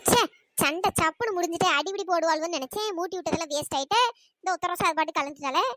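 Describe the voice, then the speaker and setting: A woman's voice: extremely high pitch, rapid-fire, bright, forceful tone, dry recording, studio quality. A woman voicing a sly, meddling village woman who stirs up quarrels in a cartoon. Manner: scolding, sly and gossipy. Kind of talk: cartoon voice acting.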